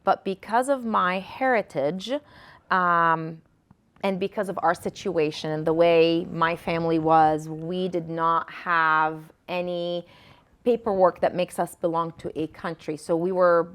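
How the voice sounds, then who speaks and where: Soft-spoken woman from Kuwait, Arabic native. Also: fairly low pitch, steady tone, measured pace. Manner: hesitant, restarts and fillers while recounting. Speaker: guest. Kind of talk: casual interview. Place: local TV studio.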